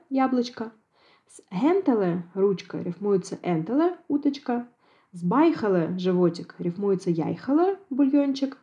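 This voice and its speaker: A woman, a Yiddish language expert, giving a precise, measured scripted lecture on dialects. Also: a little high, warm tone, dull audio. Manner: measured, precise academic delivery.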